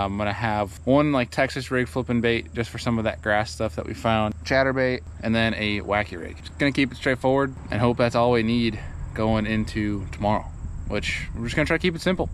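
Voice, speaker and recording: Young man, casual outdoor vlog, rambling and relaxed, camera at arm's length, faint background noise. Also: mid-range voice, brisk. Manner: relaxed and rambling, with fillers and laughs. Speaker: kayak fishing vlogger. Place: outdoors on a lawn by a truck. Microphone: action camera held at arm's length.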